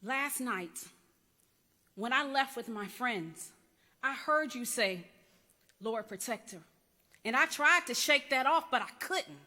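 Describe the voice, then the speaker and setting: A woman performs a dramatic church monologue as a rebellious young niece confessing to her aunt, using an emphatic, repetitive storytelling cadence. Her slightly high voice is expressive, pushed up and bright, heavily acted, slow, with frequent pauses. The mood is intense and haunted, and the echoey hall adds long reverb.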